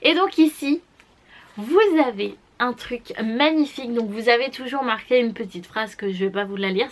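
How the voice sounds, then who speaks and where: A woman presenting a makeup palette to the camera in casual, gushing talk, full of restarts and fillers. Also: on the high side. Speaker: beauty vlogger. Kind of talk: casual makeup product review.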